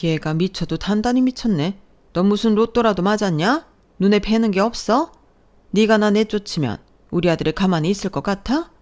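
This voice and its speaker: A woman's voice: medium pitch, moderate pace, a little mellow, voice pushed up, natural voice. A woman voicing a haughty, spiteful older mother-in-law in a storybook drama. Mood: scoffing. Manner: scoffing, disbelieving.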